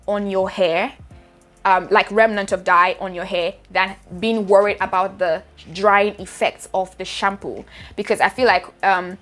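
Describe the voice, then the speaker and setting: A young Nigerian woman with a Nigerian accent gives chatty, direct hair care advice in a casual vlog, calling her viewers "sis" and "guys." Her voice sits at a medium pitch and sounds a bit bright.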